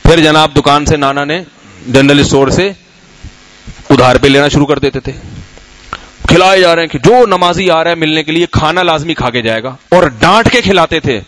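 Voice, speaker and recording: A man's voice: a little high, a bit bright, no echo, low-quality recording. A middle-aged man from Pakistan, an Islamic scholar giving a conversational sermon, telling anecdotes and asking the audience questions. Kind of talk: sermon and Q&A talk.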